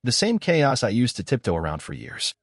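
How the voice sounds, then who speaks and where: Young male narrator, first-person story, lively intonation, dry close sound. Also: medium pitch, brisk, dry recording.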